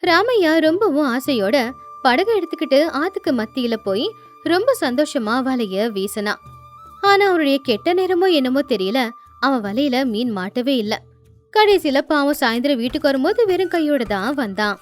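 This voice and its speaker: A woman narrating a scripted storybook tale in a steady, expressive way. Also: high voice, moderate pace, faint music behind.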